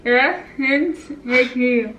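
High-voiced young woman slurring with lips stretched wide. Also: very slow, a bit bright. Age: young adult. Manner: speaking through a mouthguard with lips stretched wide, slurred consonants. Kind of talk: guessing-game phrase reading. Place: small indoor room, camera a few feet away. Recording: echoey room, clear noise, slightly dull sound.

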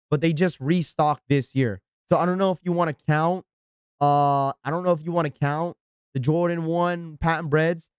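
A man's voice: sits high, clear, resonant tone, dry recording, clean studio sound. A man live-streaming, reacting in an exasperated, ranting way and thanking subscribers as he talks to his viewers.

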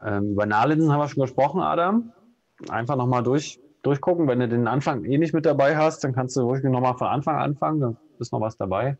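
A man in his thirties with a Berlin accent co-hosts a casual live stream from a home room with a bookshelf, relaxed and full of fillers and hesitations. He talks fast at medium pitch, and the webcam video call audio sounds dull and lo-fi.

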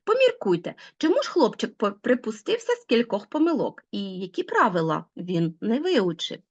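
A woman teacher giving an online school lesson, explaining rules with lively, rising emphasis. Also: mid-range voice, moderate pace, husky. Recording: dull lo-fi sound.

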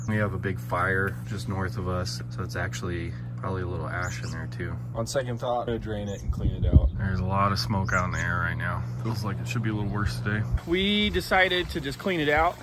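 A man in his forties, a father hosting a casual home vlog outdoors on a patio. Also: lowish voice.

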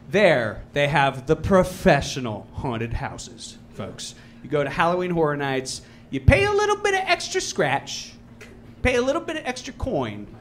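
Man on stage, high lively voice, stand-up comedy, loud storytelling. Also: a little hiss or hum. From Virginia. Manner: loud, animated storytelling with laughs.

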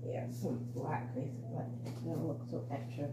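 A woman's voice: sits low, moderate pace. A young woman vlogging as she gets ready in the morning, rambling and chatty with lots of fillers, in a groggy morning voice. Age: young adult. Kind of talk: casual get-ready-with-me vlog. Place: home, indoors. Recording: roomy echo with steady background noise.

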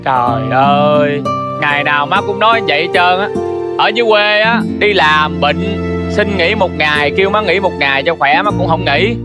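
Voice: medium pitch, normal speed, lightly acted. A performer playing a dutiful older son with a Southern Vietnamese accent, coaxing and exasperated, in cải lương stage acting. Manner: coaxing, exasperated, turns to anguished shouting. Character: dutiful older son, weary but patient. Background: music.

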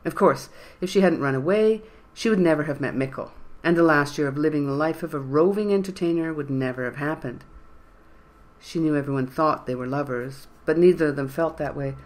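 A narrator reading a fantasy novel in an even, measured storytelling way. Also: mid-range voice. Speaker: audiobook narrator. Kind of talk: scripted narration.

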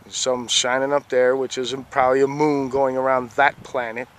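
A man's voice: medium pitch, flat delivery, normal speed. A man filming the sky outdoors on a handheld phone, rambling and repeating "see?" as he points things out. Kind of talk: casual filmed commentary. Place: outdoors beside a fenced yard.

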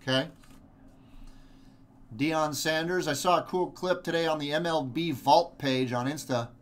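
A man hosting a live card break, reading player names in quick lists with chatty asides. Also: a little high. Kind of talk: live group break commentary.

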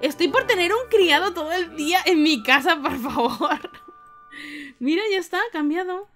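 Animated, bright-voiced Spanish woman gamer. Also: extremely high pitch, moderate pace, faint music behind. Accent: Spain Spanish. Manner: expressive, exclamatory, laughs often. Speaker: gaming youtuber. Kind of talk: casual let's play commentary.

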